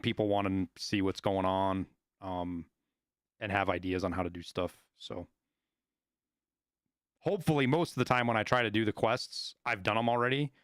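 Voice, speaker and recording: A man live-streaming a game, chatting casually and swearing as he reacts excitably to the play. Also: mid-range voice, no room sound, studio quality. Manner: sweary, excitable exclamations while playing. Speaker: game streamer, video guide maker. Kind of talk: live gameplay commentary and casual chat.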